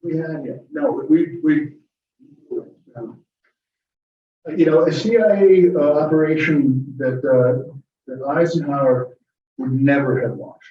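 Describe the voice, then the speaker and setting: In a lecture room, a guest lecturer fields audience questions during an informal Q&A, chatting and digressing with chuckles. His voice sits on the high side, fairly even in intonation and slow. The recording sounds echoey and muffled, captured from a distance.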